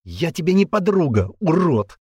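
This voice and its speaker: A man voicing a defiant, sharp-tongued young woman who shouts insults in a high, strained voice in an audiobook. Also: big pitch swings, moderate pace, husky, no echo, studio quality. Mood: contemptuous. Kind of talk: audiobook character voice.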